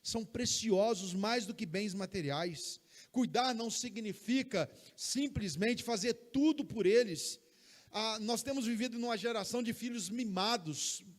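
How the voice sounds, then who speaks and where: A male pastor with a Brazilian Portuguese accent preaching an emphatic, animated sermon in a church service. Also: high-pitched, a little slow. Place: church service, streamed live.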